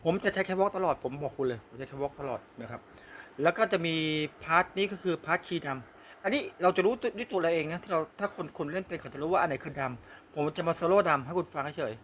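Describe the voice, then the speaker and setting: A man hosting a casual music software tutorial, talking straight to the viewer and often asking whether they see it. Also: a little high, expressive, fast, slight background noise. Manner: talks directly to viewer, repeats "see?" often.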